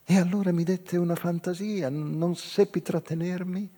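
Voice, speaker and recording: Playing a wistful, intense man remembering an old love, an actor performs a theatrical first-person monologue with slow, deliberate pacing, pauses, and moments near a whisper. His voice sits high with fairly even intonation and a dark, husky tone, set in a reverberant hall with live plucked guitar accompaniment.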